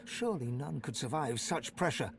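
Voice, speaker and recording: A grave fantasy-game narrator reads scripted narration in a mid-pitched, measured voice. Clear background noise sits under the game audio. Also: male voice, expressive. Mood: grim.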